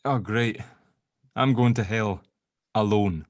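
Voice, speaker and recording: A man with a fairly low voice speaks slowly in a dry recording. At an audio drama table read, he plays a sardonic, sceptical grave opener who deals with spirits, bantering informally and joking gently.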